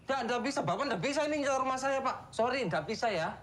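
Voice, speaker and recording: A man's voice: very high voice, expressive, fast talker, a bit bright, a little hiss or hum. A man playing a desperate pleading older brother. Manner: pleads over and over, frantic then tender. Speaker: older brother, taxi driver. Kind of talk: comedy film acting.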